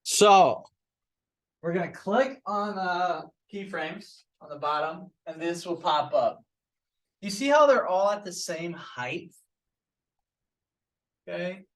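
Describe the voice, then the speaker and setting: A young man teaching a class, walking students through software steps in a casual way, with fillers and chuckles. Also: sits high, no room sound.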